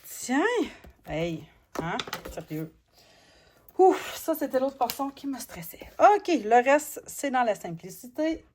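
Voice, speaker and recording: A woman with a Québécois French accent teaching card making, murmuring half to herself as she works and slipping into soft asides. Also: a little high, animated, slow pace, a little hiss or hum. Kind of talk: crafting tutorial narration.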